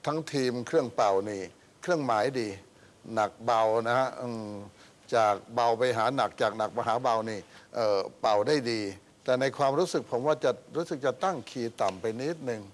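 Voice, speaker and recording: A man giving a measured, polite critique of a band as a TV contest judge. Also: medium pitch, expressive. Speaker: talent show judge. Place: TV studio with audience.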